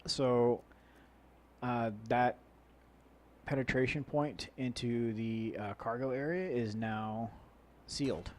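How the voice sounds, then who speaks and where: A man's voice: mid-range voice, takes it slowly, long pauses, a little mellow. A man with a nasal, congested-sounding voice gives casual, rambling let's play commentary, muttering to himself as he goes. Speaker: gaming video host. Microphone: low-quality microphone. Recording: poor mic with chopping helicopter-like noise. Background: helicopter-like equipment noise.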